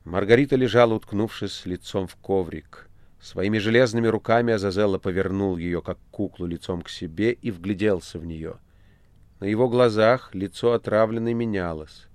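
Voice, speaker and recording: Male audiobook narrator, expressive, fairly low voice, dry close sound. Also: moderate pace, no echo. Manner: dramatic, expressive. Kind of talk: literary audiobook reading.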